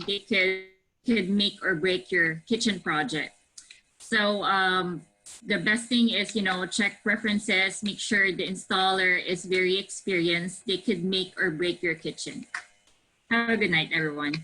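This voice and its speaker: A woman's voice: medium pitch, measured pace, bright, forceful tone, poor audio. A woman from a kitchen business giving a short panel tip, earnest and a little hesitant with many fillers. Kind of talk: brief panel introduction and advice.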